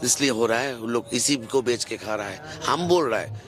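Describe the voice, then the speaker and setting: A tantric practitioner answering interview questions in slow, emphatic, lecturing speech with plain rustic phrasing. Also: mid-range voice.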